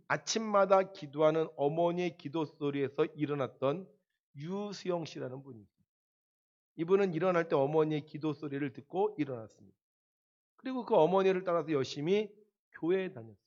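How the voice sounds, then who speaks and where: A male pastor delivering a Sunday sermon, telling a story with loud emphatic peaks and quiet asides. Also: a little high, normal speed, lo-fi sound.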